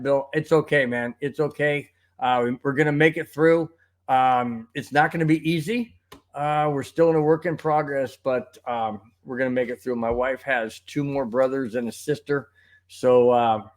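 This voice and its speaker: A man hosting a sports fan show, talking in casual commentary and firing off rhetorical questions. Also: fairly high pitch. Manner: animated, rhetorical questions, frustrated.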